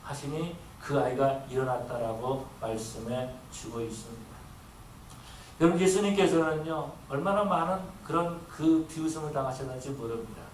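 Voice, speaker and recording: A man's voice: mid-range voice, moderate pace, a little hiss or hum. A male pastor preaching an earnest sermon and acting out the voices in the stories he tells. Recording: echoey room from a distance with faint ambience.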